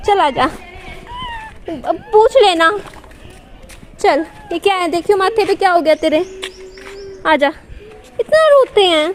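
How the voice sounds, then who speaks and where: A young mother gently coaxes and soothes her crying child, repeating short phrases, in a casual home vlog. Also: very high-pitched, expressive, slow pace, pauses often, a little hiss or hum. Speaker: mother and vlogger.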